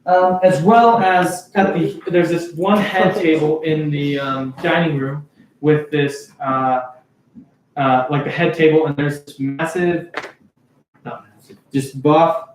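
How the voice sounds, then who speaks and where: A man's voice: on the high side, fairly even intonation, a little slow. Rambling young male game master. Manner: rambling, full of fillers and laughs. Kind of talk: narrating a tabletop game. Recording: echoey room, distant mic, noise.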